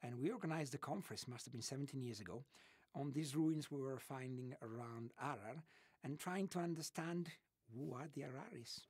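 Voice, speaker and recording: An Italian man with an Italian accent appears as a guest on an interview show, answering questions as an expert in remote sensing archaeology. His mid-range voice is a little fast, slightly mellow and a bit rough, with no echo. He talks enthusiastically, wanders off on tangents, and often bursts out laughing.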